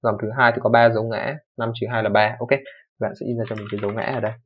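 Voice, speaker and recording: A man's voice: on the low side, flat delivery, slight background noise. A young man teaching programming in a coding tutorial, talking informally, checking in often and correcting himself as he goes. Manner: fast, informal explaining with frequent "đúng không" checks and self-corrections. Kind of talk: screen-recorded coding tutorial. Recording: dull lo-fi microphone.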